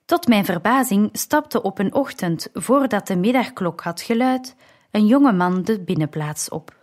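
Een vrouw die een verhaal in de ik-vorm voorleest als luisterboek, afgemeten en gelijkmatig. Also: female voice, mid-range voice, animated, darkish tone. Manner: slow, measured reading. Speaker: audiobook narrator. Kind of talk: scripted narration.

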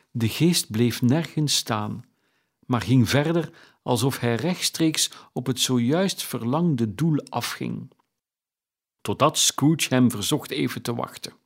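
A man narrating a classic story in a measured, storytelling manner. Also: mid-range voice. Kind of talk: audiobook reading of a classic story.

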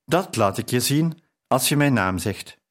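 A man's voice: mid-range voice, lively intonation, unhurried. A man playing a teasing, commanding nobleman. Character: commanding Persian nobleman, teasing and self-assured.

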